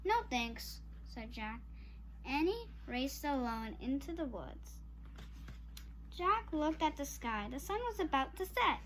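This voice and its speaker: A child with a high voice and lively intonation reads a children's chapter book aloud for online viewers, taking an unhurried pace with a fairly bright tone. The reading is informal, with apologies and asides spoken straight to listeners. The low-quality recording carries a little hiss or hum.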